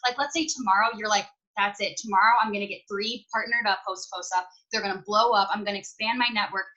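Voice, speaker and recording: On a video call, a woman with a medium-pitched, bright, forceful voice gives her team casual motivational tips. She's chatty and upbeat, talking fast and scattering "like" and "you guys" throughout, and the audio has its highs cut off.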